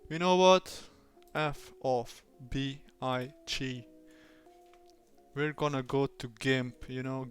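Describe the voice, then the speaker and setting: A man livestreaming his design work in a fake British accent, rambling playfully to himself and his software. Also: medium pitch. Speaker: streamer. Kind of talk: livestream self-talk while doing design work.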